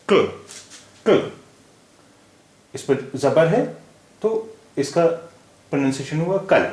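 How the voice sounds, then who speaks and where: Slow, patient male language teacher. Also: a little high, a little mellow. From India. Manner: patient, repeats each sound many times. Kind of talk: slow explanatory lesson. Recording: echoey room.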